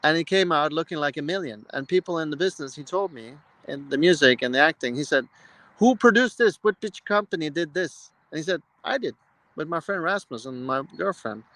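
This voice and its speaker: A man's voice: on the high side, lively intonation, fairly quick, fairly bright tone, no room sound, rough recording. A man from Norway hosting a casual live stream, talking with enthusiasm in loose, rambling sentences full of restarts. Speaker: host. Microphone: live-stream mic.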